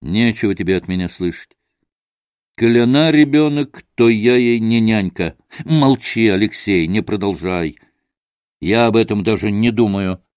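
A man's voice: lowish voice, moderate pace, a little mellow, no room sound, studio quality, close to an everyday voice. A man reading an audiobook, voicing an irritable, feverish young man who speaks curtly and sardonically. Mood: bitter. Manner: curt and sardonic.

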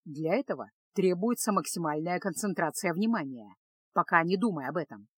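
A woman voicing a gloomy male mage, speaking low and measured like a patient teacher. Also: animated, slightly rough, no room sound. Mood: calm lecturing.

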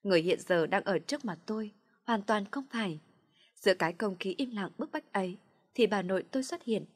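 A woman narrating a first-person dramatic story, shouting out the heroine's anguished lines. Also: medium pitch, brisk.

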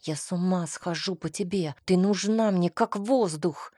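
A woman's voice: fairly low pitch, a little slow, warm tone, slightly rough, dry recording, clean studio sound. A woman voicing a menacing jealous young man. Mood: pleading. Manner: sugary-venomous, threatening. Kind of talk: audiobook character reading.

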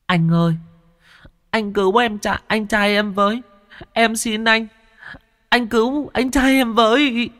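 A man's voice: sits high, steady tone, takes it slowly, long pauses, darkish tone, long reverb tail, pitched above the performer's own voice. A man voicing the ghost of a small boy of about five or six, sobbing and pleading. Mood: tearful pleading.

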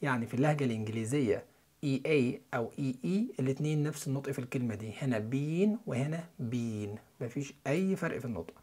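Egyptian guy explaining english sounds quick, a bit husky, spells letters out. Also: mid-range voice, a little mellow. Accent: Egyptian Arabic. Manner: quick, chatty lesson delivery with spelled-out letters and repeated example words. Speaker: English listening course teacher. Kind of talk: explaining English pronunciation in Arabic.

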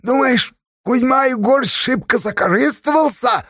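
A man voicing a stern, grasping old village elder with a thin high voice that turns preachy and scornful. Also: animated, takes it slowly, creaky, husky, no echo, studio quality, full character voice. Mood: shrill indignant. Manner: preachy, scornful, rising to shrill shouts.

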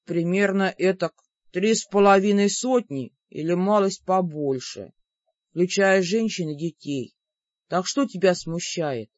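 A woman voicing a gruff, grumbling male demon in an audiobook. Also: fairly low pitch, a little slow, a little mellow, dry recording, lightly acted. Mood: calm. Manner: grumbling, reluctant. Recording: dull lo-fi dry recording.

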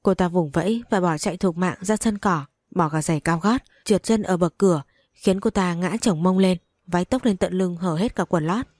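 A woman's voice: fairly low pitch, moderate pace, a little mellow, no echo, studio quality. A woman narrating a dramatic first-person story.

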